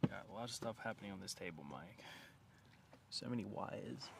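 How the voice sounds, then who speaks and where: An easygoing man calls golf shots in relaxed live commentary. His voice is gravelly and fairly low, and he sits some way off the mic with faint outdoor noise around him. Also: normal speed, distant mic.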